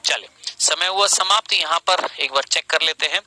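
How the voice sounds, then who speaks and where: A man's voice: a little high, normal speed, bright, forceful tone, no room sound, low-quality recording. A young man teaching exam questions online, scolding and then sulking sarcastically at his students, calling them beta and stretching key words.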